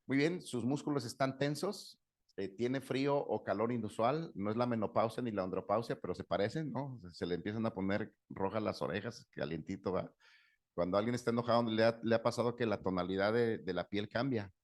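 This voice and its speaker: A man's voice: lowish voice, fairly quick. A middle-aged man, a psychologist giving a conversational lecture, acting out quoted dialogue and often checking in with "¿no?". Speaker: psychologist giving a talk on anger. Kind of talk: lecture with anecdotes.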